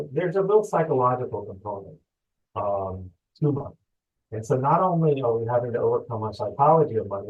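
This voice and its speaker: A man giving a live financial webinar, talking fast and upbeat and asking himself his listeners' questions. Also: medium pitch, far from the mic. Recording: dull, lo-fi webinar audio from off-mic.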